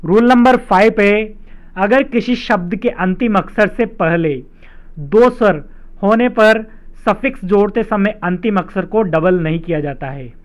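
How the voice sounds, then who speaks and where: Teaching a spelling lesson, this man speaks in a smooth, high voice and explains each rule slowly in stages. He repeats the rules with examples, and the sound quality is dull and lo-fi.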